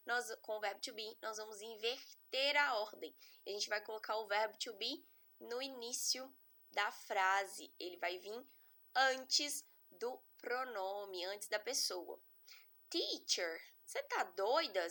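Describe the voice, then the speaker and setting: A woman gives an online English lesson in a slightly high, clear and bright voice. She explains slowly and patiently, one step at a time, and often pauses to check that her students are following. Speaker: English teacher.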